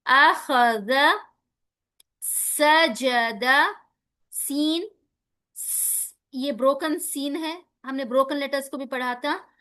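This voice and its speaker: A woman teaching a recitation lesson, spelling out letters slowly and carefully between quick explanations. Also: sits high.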